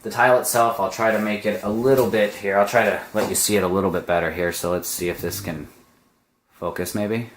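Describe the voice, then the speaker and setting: A man's voice: on the low side, fairly even intonation, brisk, slight background noise. A man casually demonstrating and explaining a product, chatty, with lots of ums and uhs. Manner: explanatory, filler-heavy, chatty. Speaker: product reviewer. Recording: echoey room.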